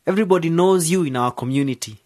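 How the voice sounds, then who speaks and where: A man's voice: fairly high pitch, fast, a little mellow, no room sound, studio quality, natural voice. An actor playing a nervous, clumsy young man who stumbles over his words in a radio drama. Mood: flustered.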